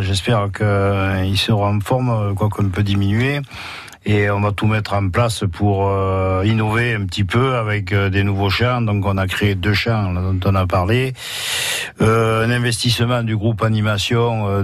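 A man's voice: on the low side, dry recording. A man who leads a supporters' group, chatting casually as a radio guest, with small chuckles and filler sounds.

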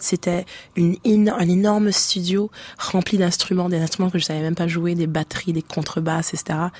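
A woman's voice: fairly low pitch, a little mellow. Hesitant Canadian-born woman. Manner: hesitant, many restarts and fillers. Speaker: musician guest. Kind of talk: radio interview.

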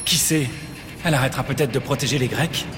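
A woman's voice: a bass voice, fast talker, loud music behind the voice, voice pushed down. A woman voicing a mighty warrior prince who scolds and mocks his younger brother, in a storybook tale. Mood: determined. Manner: scolding, mocking.

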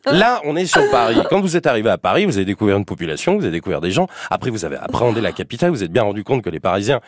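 A middle-aged male host runs a playful interview, teasing his guest as he goes. His voice sits low and bounces around a lot, and his questions come out fast and winding. The sound is dry and close. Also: big pitch swings, no room sound. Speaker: radio host.

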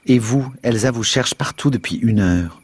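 A man's voice: mid-range voice, moderate pace, darkish tone, husky, dry recording, pitched above the performer's own voice, close to an everyday voice. A man voicing an impulsive, indignant teenage girl, speaking in a raised, heated way in a read-aloud story.

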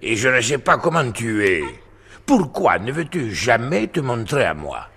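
An actor playing a credulous medieval lord who stammers and hesitates, in a 1960s radio drama. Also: male voice, mid-range voice, very animated, measured pace, bright, forceful tone, breathy edge, heavily acted. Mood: curious. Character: credulous male medieval lord, eager and fumbling.

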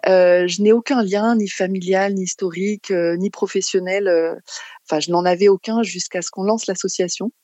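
A woman with a French accent from France, a community association organiser, gives spontaneous answers as an interview guest. Her medium-pitched voice is mellow and steady, recorded with no room sound, and she halts, searches for words and restarts phrases.

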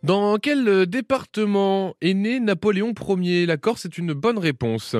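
A man's voice: sits high, animated, a little slow, music in the background. A man presenting a radio quiz show in a chatty, informal way. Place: radio studio.

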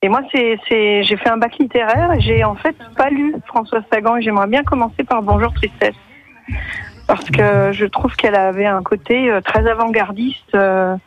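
A woman's voice: fairly high pitch, moderate pace. Woman on a bad phone line, radio caller, hesitant, dull muffled sound. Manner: hesitant, searching for words. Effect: phone line with a bad connection. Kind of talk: phone-in chat.

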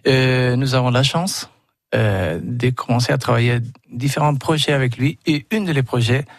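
A man from Argentina speaking halting, non-native French with an Argentine Spanish accent, searching for words as he answers in a radio interview. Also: medium pitch, dry recording, studio quality. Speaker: festival artistic director, tango teacher and dancer.

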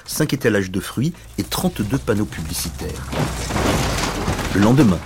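A middle-aged man reading a children's story aloud in an expressive, playful way. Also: on the low side, background noise.

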